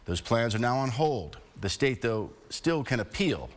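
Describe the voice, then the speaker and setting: A man's voice: medium pitch, animated, measured pace. An American man reading scripted television news as an anchor.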